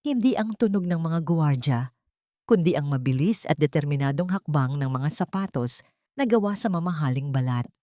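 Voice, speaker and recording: A woman's voice: sits low, lively intonation, moderate pace, warm tone, no room sound, clean studio sound. A woman telling a dramatic story in scripted narration, shifting her voice a little for the characters.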